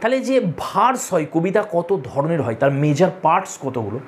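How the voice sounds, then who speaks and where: A man's voice: fairly high pitch, big pitch swings, normal speed, a little hiss or hum. A man teaching literature to exam students in a lecture, explaining step by step, repeating key points and telling students to take notes. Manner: addresses students directly, tells them to take notes. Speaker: literature tutor.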